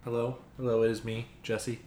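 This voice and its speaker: A man voicing a calm, cold male AI computer on a spaceship, speaking in a flat robot voice. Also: medium pitch, moderate pace, roomy sound, a little hiss or hum, lightly acted. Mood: deadpan.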